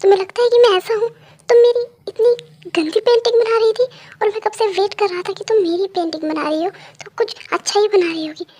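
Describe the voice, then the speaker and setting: A woman voices an impatient young man who whines and teases. The voice sits very high and sounds mellow rather than bright. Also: fairly even intonation, fast talker, few pauses. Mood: whiny. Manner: whiny, complaining.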